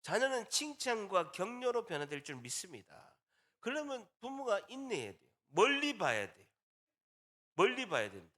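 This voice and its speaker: A man's voice: high-pitched, huge pitch swings, normal speed, a bit bright. A man with a Gyeongsang accent preaching a sermon as pastor, repeating key phrases and asking rhetorical questions. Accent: Gyeongsang Korean.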